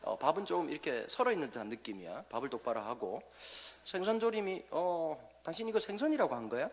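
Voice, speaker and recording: A man voicing a nitpicking husband who picks at his wife's cooking in a slow, low mutter full of hesitant fillers. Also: big pitch swings. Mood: grumbling. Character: nitpicking middle-aged husband grumbling about dinner.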